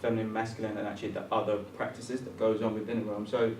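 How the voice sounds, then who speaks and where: This guest programmer, a man born in England who spent part of his childhood in Ghana, speaks fast in a lowish, level, slightly mellow voice. He gropes for words in the conversation, full of ums and false starts. The audio comes from a distant mic in a room at a public talk event, roomy with faint ambience and a little background noise.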